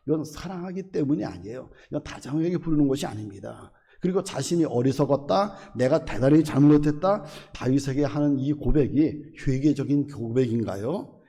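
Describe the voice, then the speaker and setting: A man's voice: fairly high pitch, big-room sound. A man preaching a sermon as a pastor, questioning his congregation and acting out the words of the story's characters. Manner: expressive preaching, voices the quoted characters, asks the congregation questions.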